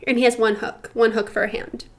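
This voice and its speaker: Talkative woman guest on a podcast, a bit high voice, tells stories loosely. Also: level tone, fairly quick. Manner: chatty storytelling, swearing. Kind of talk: casual chat.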